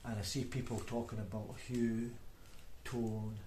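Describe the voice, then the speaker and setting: Roomy echo, background noise and clicks colour this indoor recording, made with an off-camera microphone at a table. The speaker, a broad-accented Scot in his forties keeping a beginner painter's video diary, talks unhurriedly in a lowish, dark voice with little pitch movement, rambling, hesitant and self-deprecating.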